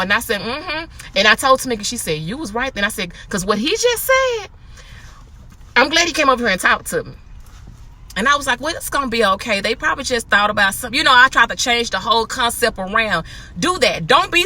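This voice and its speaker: A woman in casual spoken advice, chatty and animated, acting out quotes. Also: a little high. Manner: chatty, animated, laughs often, acts out quotes. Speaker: host.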